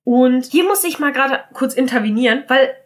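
A woman co-hosting a podcast, chatting casually and retelling scenes in a lively way with lots of fillers. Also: sits high, fairly quick. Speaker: podcast co-host. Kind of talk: casual chat recapping a TV episode.

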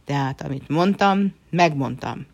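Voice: medium pitch, creaky, highs cut off. A storyteller doing a lovesick young prince. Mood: earnest.

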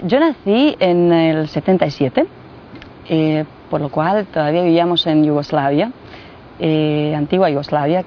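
A woman in her forties from Bosnia and Herzegovina, speaking a second language, talks in a fairly low voice, slowly and with many hesitations. The recording is dull and muffled, with a faint noise underneath. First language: Croatian. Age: 40s. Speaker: guest, translator and guide. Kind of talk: interview.

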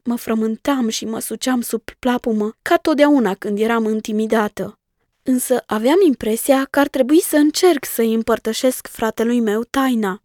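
Gentle woman reading a storybook. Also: on the high side, dry recording, clean studio sound. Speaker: storybook reader. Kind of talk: scripted first-person story narration.

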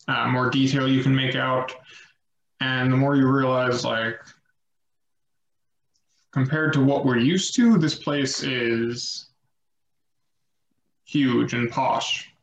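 Man, game master, tabletop narration, slow, halting, fillers, echoey room, muffled recording. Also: medium pitch, gravelly, slight background noise.

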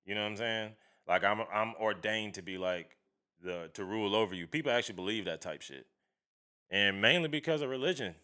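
A man's voice: fairly low pitch, brisk, sharp tone, clean tone. A man chatting casually in an emphatic, slangy, profane way, often checking that the listener agrees. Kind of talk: casual opinionated chat.

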